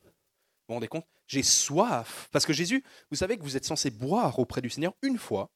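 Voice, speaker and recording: A male pastor preaching with a husky, slightly breathy voice and a lively pitch that keeps climbing and dropping. He leads the congregation in call-and-response and drives his points with growing fervor. The sound is dry and close, with little room echo. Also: normal speed. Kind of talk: sermon.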